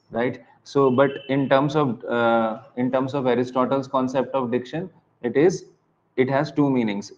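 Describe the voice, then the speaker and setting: Slow-dictating Indian male teacher. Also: mid-range voice, muffled recording. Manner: slow dictation, spelling words out letter by letter and repeating key lines; mixes Hindi and English. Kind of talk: online exam-prep lecture.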